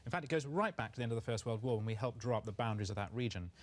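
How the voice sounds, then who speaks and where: Male British pundit, brisk pace, fluent and forceful debating delivery. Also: mid-range voice, lively intonation. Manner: articulate, forceful argument. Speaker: debate guest. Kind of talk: televised political debate.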